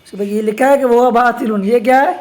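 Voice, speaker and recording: A man with an extremely high-pitched, darkish voice and fairly even intonation teaches scripture grammar in a religious studies lesson. He keeps asking his students questions and answering them himself, reads Arabic slowly, and tosses in casual teasing remarks.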